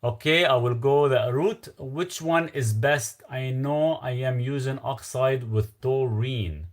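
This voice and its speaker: This man hosts a laid-back live stream in a Lebanese accent, speaking slowly at a medium pitch. He reads viewers' questions aloud and responds in a meandering way, his sentences trailing away into fillers.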